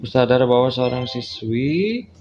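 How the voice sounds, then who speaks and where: A gaming content creator with an Indonesian accent does a casual let's play, reading visual novel text aloud and reacting with colloquial, off-the-cuff asides. His voice is medium-pitched, expressive and a little slow. The lo-fi recording sounds dull, with slight background noise and faint game music.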